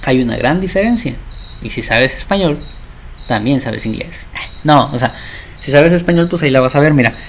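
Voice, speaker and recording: A man's voice: mid-range voice, lively intonation, moderate pace, a little hiss or hum. A man teaching a programming class, chatty and constantly checking that his students understand. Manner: acts out little dialogues. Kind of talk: programming lesson.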